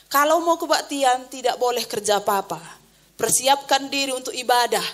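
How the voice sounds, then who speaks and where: A woman preacher voicing a stern, strict elderly father in a sermon, speaking in gruff, curt declarations, lower and quieter than her own voice. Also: normal speed.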